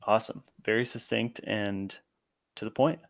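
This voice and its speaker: Gravelly laid-back male podcast host. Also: lowish voice, steady tone, moderate pace. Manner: laid-back, says "awesome" and "cool" a lot, long-winded questions. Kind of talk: casual interview hosting.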